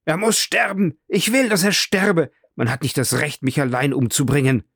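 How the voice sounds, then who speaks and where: A man's voice: mid-range voice, level tone, fairly quick, vocal fry, slightly rough, dry recording, clean studio sound. A man voicing a desperate condemned man who pleads and cries out frantically in an audiobook reading. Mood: frantic, desperate.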